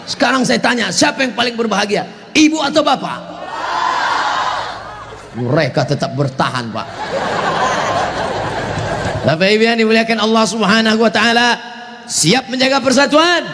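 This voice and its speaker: A male Islamic preacher with a very high-pitched, expressive voice gives a humorous sermon to a large evening crowd at a normal speed with long pauses. He jokes, acts out voices, and asks the audience to respond. The recording is very noisy, with a reverberant hall and faint ambience.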